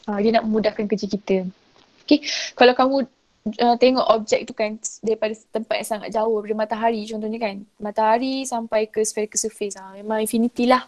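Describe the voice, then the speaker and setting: A woman's voice: on the high side, a little mellow. Woman teaching a physics class. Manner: mixes Malay and English, checks in with "okey?" often. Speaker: lecturer. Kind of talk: online physics tutorial.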